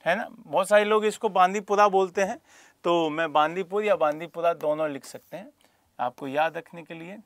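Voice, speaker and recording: A man's voice: high voice, moderate pace, no room sound. A man teaching a geography lesson for exam preparation, asking rhetorical questions and calling on students by name. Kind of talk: classroom lecture for exam prep.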